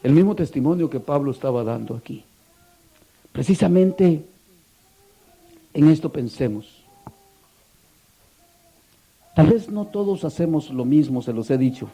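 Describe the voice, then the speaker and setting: A man's voice: fairly high pitch, expressive, moderate pace, pauses often, mellow, slightly rough. A man preaching a sermon, asking the congregation rhetorical questions and telling a story with passion.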